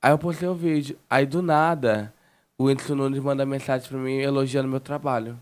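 A man's voice: medium pitch, fairly even intonation, fairly quick, a little mellow. A man, chatting casually as a guest. He tells a long personal story, repeating words and restarting his sentences as he goes.

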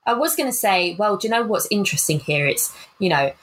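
A woman's voice: mid-range voice, animated, fairly quick, fairly bright tone, breathy edge, low-quality recording. A woman co-hosting a podcast, chatting casually about films, rambling with fillers and restarts. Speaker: podcast co-host. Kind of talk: casual film chat.

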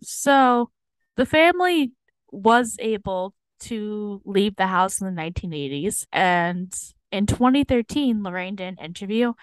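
A woman's voice: medium pitch, clean tone, dry recording. Casual young woman podcast co-host. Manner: casual, swears, lots of fillers. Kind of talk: casual chat.

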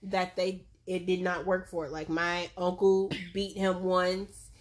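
A young adult woman co-hosting a casual podcast chat, speaking in a measured, thoughtful way. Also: fairly low pitch, little pitch movement. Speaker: podcast co-host.

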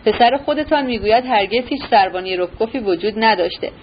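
A woman's voice: on the high side, animated, highs cut off, slight background noise, lightly acted. A woman voicing a sick, spiteful young man who talks sarcastically and insistently. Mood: sarcastic.

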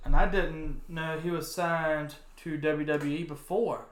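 A man co-hosting a casual podcast chat, easygoing and quick to agree. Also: fairly high pitch, fairly even intonation, reverberant. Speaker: podcast co-host.

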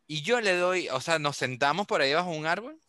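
A man's voice: on the high side, lively intonation, brisk, sharp tone, dry recording, studio quality. A young Venezuelan man telling a story in a casual chat over a video call, acting out the voices of others.

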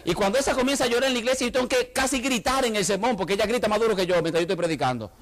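A male pastor, preaching a humorous, animated sermon in church and throwing rhetorical questions at the congregation. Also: high voice, racing.

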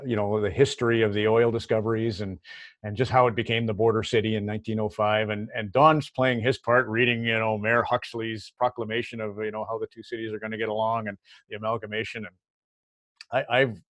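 Brief: middle-aged Canadian man, low voice, dry close recording, casual anecdotal interview talk with stop-start restarts. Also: no echo. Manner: conversational, repeats words when starting a thought. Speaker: hockey broadcaster guest.

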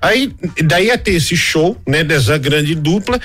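A man from Brazil telling a story casually on the radio, acting out other people's lines with big jumps in pitch. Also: slow pace. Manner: animated, acts out quoted voices with big jumps in pitch. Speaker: radio reporter.

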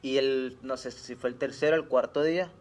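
Male podcast host, mid-pitched, very quick delivery. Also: fairly even intonation, a little mellow, slight background noise. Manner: quick, conversational, chimes in to finish the other speaker's thoughts. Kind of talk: casual podcast chat.

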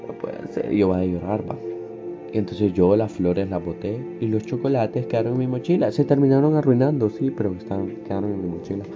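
A young man with a Honduran accent telling a personal story in a casual, slangy, animated way. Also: on the low side, a little fast. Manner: animated, slangy, acts out his own crying. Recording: dull lo-fi recording, faint music.

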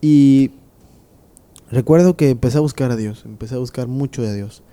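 Young man, casual testimony, very dark tone, drops to hushed tones when moved. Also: mid-range voice, moderate pace. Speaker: interviewee sharing a conversion testimony.

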